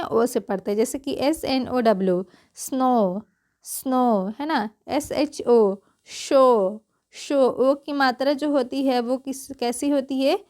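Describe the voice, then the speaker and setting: A woman with a high voice gives a pronunciation lesson in a patient, teacherly way. She spells each word out slowly, says it twice, and keeps asking questions that she answers herself. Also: a little mellow. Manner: asks the class questions and answers them herself. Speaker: English teacher.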